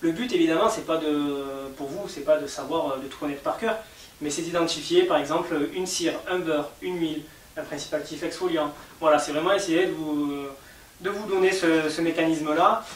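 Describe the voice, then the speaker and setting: A man's voice: on the high side, steady tone, brisk. A man with a French accent explaining cosmetic ingredients in an interview, patient and step by step, with many fillers. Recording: echoey room, mic at a distance, faint hiss.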